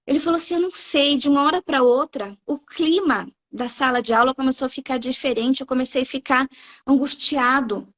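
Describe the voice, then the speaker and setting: Blunt, animated Brazilian woman. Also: high-pitched, fairly quick. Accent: Brazilian Portuguese. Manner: animated, blunt, frequent "né?" tags. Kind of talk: emphatic preaching-style talk. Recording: dull lo-fi live stream audio.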